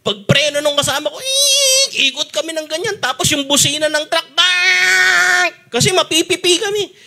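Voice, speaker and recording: A man's voice: extremely high pitch, quick pace, background noise. A man with a Filipino accent preaching a sermon as pastor, telling stories with acted-out sounds and frequent laughter. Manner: animated storytelling, acts out sounds and quotes, laughs often. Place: church stage.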